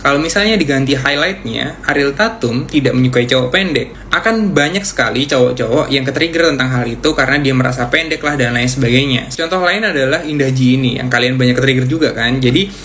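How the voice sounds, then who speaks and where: A man giving casual commentary, quick and explanatory, making his case point by point. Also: mid-range voice, a bit bright, a little hiss or hum.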